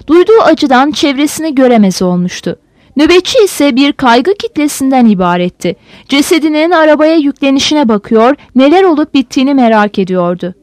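A woman reading a novel aloud as a narrator with expressive storytelling. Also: high-pitched, a little fast, no room sound. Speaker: audiobook narrator. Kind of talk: scripted narration.

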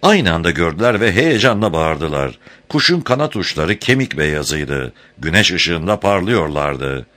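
A man narrating an audiobook chapter in an expressive, dramatic reading style. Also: deep voice, unhurried. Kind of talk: scripted narration.

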